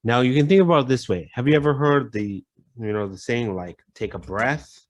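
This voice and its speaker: A man with a medium-pitched voice gives a casual English vocabulary lesson, repeating phrases and filling gaps with "you know." No room sound is audible.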